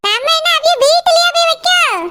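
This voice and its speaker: A woman's voice: extremely high pitch, expressive, brisk, heavy background noise. Woman voicing an old village mother, coaxing. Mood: soothing. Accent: Tirunelveli Tamil. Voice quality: coaxing, gently chiding. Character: older village mother, soothing. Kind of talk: cartoon voice acting.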